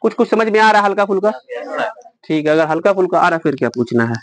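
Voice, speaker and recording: A man's voice: high voice, animated, quick pace. A man teaching a math lesson to a class, explaining step by step and quizzing his students.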